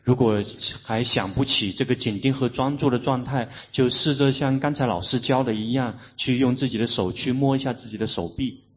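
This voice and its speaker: Very slow male interpreter, hesitant delivery. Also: mid-range voice. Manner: hesitant, with fillers and restarts. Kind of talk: consecutive interpreting of a dharma talk. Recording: dull lo-fi recording.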